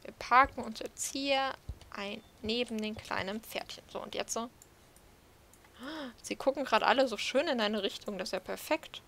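Lady chatting to herself while gaming, playful, fairly high voice. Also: normal speed, creaky, a bit bright, slight background noise. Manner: chatty self-talk, playful. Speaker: let's play host. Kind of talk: casual gameplay commentary.

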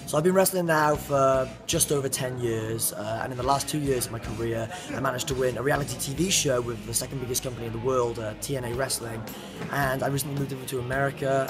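Man, twenties, brisk pace, casual wrestler interview, music underneath. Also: mid-range voice. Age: 20s. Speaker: professional wrestler being interviewed. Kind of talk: casual promotional interview to camera. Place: indoor community centre room. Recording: loud music bed under speech.

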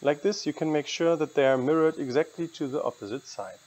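A man narrating a scripted woodworking tutorial in an even, matter-of-fact way. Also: fairly high pitch, fairly quick. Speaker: woodworking channel host.

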